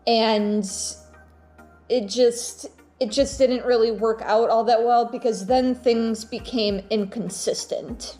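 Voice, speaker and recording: A woman's voice: fairly high pitch, fairly even intonation, warm tone, soft background music. A young woman vlogger chatting casually and telling personal stories, often stopping and repeating her words as she goes. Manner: halting, repeats words and phrases.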